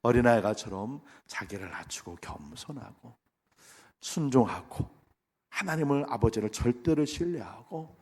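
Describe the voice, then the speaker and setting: A middle-aged male pastor preaching a sermon, animated, swinging between loud exhortation and soft asides. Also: medium pitch, moderate pace, husky. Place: large church sanctuary. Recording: long reverb of a large hall.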